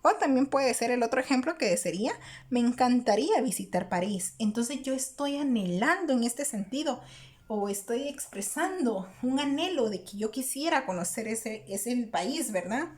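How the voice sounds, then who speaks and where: A woman's voice: high voice, lively intonation, normal speed. A woman teacher patiently explaining a grammar lesson, often checking in with the listener. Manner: patient, repeats "¿verdad?" to check understanding.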